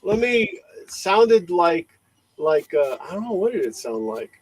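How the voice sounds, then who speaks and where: Halting high-voiced man hosting a stream. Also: very animated, low-quality recording. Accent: Chicago. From Chicago. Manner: halting, repeats words, laughs often. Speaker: livestream host. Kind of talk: casual livestream chat.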